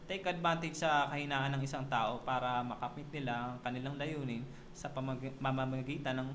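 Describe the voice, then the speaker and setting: A man appearing as a police officer guest on a radio show, formally explaining laws and their penalties and reading legal terms in a measured way. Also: medium pitch, steady tone, fairly bright tone, slight background noise. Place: radio studio.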